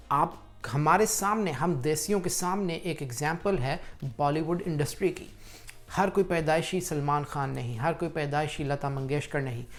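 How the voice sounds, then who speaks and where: A man hosting a casual screen-walkthrough tutorial, chatty and encouraging as he talks straight to the viewer. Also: fairly high pitch. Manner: chatty and pep-talking, addresses viewer as brother. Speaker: YouTube tutorial host.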